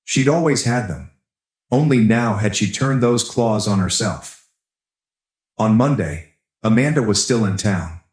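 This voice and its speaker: A man reading a first-person story aloud in a calm, even scripted narration. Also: fairly low pitch, unhurried, long pauses, reverberant.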